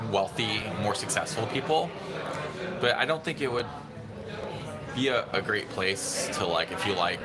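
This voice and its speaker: Low-voiced man livestreaming from a restaurant. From San Diego, USA. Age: 30s. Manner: relaxed, rambling, reads and answers viewer chat. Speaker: livestream host. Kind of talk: casual livestream chat. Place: busy restaurant indoors. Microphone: phone. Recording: phone audio with busy restaurant chatter. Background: restaurant crowd chatter.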